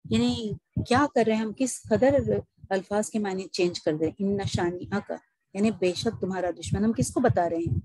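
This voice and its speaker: Woman teacher on a zoom class, patient, slows down for examples, a bit breathy, dry close sound. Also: mid-range voice, a little mellow, no room sound, low-quality recording. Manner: patient explaining, with slowed recited examples. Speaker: Quran recitation teacher. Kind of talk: online class lecture. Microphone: video call.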